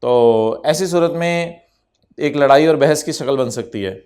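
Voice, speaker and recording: A man's voice: on the high side, measured pace, a little mellow, clear, resonant tone. A man lecturing an accountancy class, teasing his students and dropping English terms into his explanation. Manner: code-switches into English terms.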